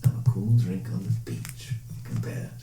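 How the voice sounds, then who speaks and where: A woman's voice: very deep voice, steady tone, measured pace, creaky, loud music behind the voice, heavily acted. A woman voicing a silky, manipulative fey patron who calls her charge darling, in an echoey room. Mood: purring. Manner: sweet, possessive, teasing. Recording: echoey room, faint noise.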